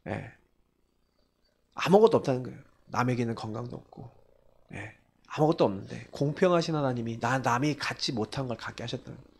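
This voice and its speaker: A male pastor from South Korea preaching with a lively, widely swinging voice that sits high for a man. He builds up to emphatic points, then drops to a hushed, low tone for quoted lines. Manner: animated preaching, quoting figures in a hushed low voice. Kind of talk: sermon. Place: church sanctuary.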